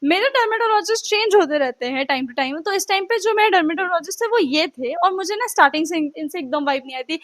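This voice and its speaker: A woman's voice: very high voice, animated, fairly quick, few pauses, fairly bright tone. A teenage girl telling a personal story in a chatty, dramatic vlog style, acting out what people said. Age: teens. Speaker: vlogger.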